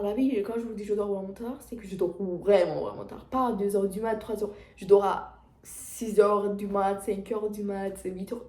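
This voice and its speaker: A woman's voice: mid-range voice, mellow, reverberant. A teenage girl with a French accent, talking casually to her viewers in a rambling confessional vlog at home, full of restarts and fillers. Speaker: vlogger. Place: at home, indoors.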